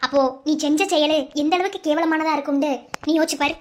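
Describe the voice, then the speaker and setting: A woman's voice: high-pitched, steady tone, fast talker, slight background noise, natural voice. A woman voicing a proud young woman collector in a cartoon, lecturing her brother firmly and contemptuously in a Madurai Tamil accent. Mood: stern. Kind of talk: cartoon dub acting.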